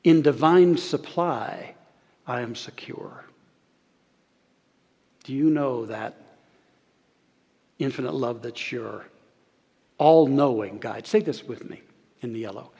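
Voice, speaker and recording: A man preaching a sermon in a church, with dramatic pauses, shifting between loud and hushed delivery. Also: mid-range voice, slightly rough, dull audio. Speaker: pastor. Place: large church sanctuary. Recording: long hall reverb.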